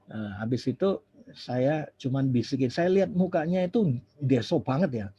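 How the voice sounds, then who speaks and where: A man's voice: medium pitch, expressive, normal speed, warm tone, slightly rough. A man, preaching a sermon as a chatty story, acting out dialogue and dropping in English phrases. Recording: dull lo-fi sermon recording.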